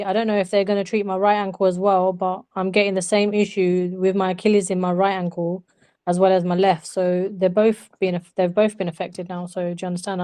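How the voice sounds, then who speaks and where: A woman's voice: mid-range voice, darkish tone, clear, resonant tone. A woman, a guest on a casual podcast, describing things in a rambling, matter-of-fact way. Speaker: patient guest.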